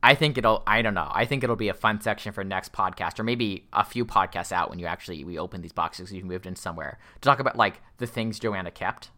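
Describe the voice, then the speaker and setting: A man's voice: low voice, brisk, hardly any pauses, pushed and bright. A young man co-hosting a casual podcast chat, rambling with lots of fillers and restarts. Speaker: podcast co-host.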